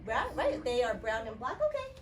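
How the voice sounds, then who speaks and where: A woman's voice: fairly high pitch, wildly swooping pitch, normal speed. A woman kindergarten teacher leading an interactive classroom lesson like a kids show host, prompting young children with short, repeated questions and instructions and sounding out letters. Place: classroom, voice picked up from a distance. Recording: distant mic, noisy classroom.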